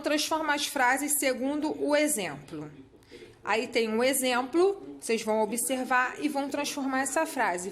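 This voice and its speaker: A woman's voice: high-pitched, a bit bright. A woman teacher, patiently walking students through exercises step by step and often checking that they follow. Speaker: Spanish teacher. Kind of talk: recorded class explanation.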